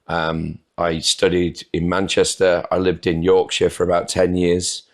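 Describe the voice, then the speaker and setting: A North Walian man in his forties chats casually as a podcast guest in an interview setting. His voice sits low, and he speaks unhurriedly, with a completely flat, slightly self-deprecating delivery.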